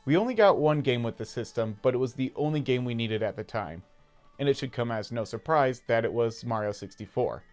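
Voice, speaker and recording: A man's voice: mid-range voice, animated, fairly quick, darkish tone, soft background music. A man in his thirties with an American accent, narrating personal gaming memories in a casual, conversational, nostalgic way. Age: 30s. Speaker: video game YouTuber. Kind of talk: casual personal storytelling voice-over.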